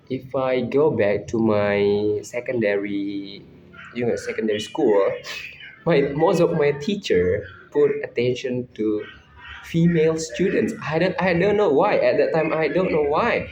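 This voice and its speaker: A man's voice: medium pitch, measured pace, darkish tone, a little hiss or hum. Indonesian man in a roomy, dull recording. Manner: casual and reflective, with frequent restarts. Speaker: student. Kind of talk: spoken assignment answering questions.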